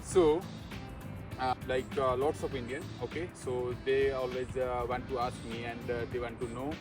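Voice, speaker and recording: A male podcast host mixing Hindi and English, asking questions in halting English while recording outdoors in a park. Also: mid-range voice, level tone, distant mic, music in the background. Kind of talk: casual interview.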